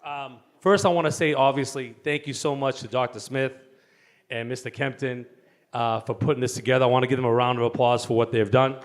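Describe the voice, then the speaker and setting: A man's voice: mid-range voice, fairly even intonation, brisk. Joking Boston man addressing a conference. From Boston area. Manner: joking, teasing the audience. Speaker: conference speaker. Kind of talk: lively conference talk. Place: conference hall.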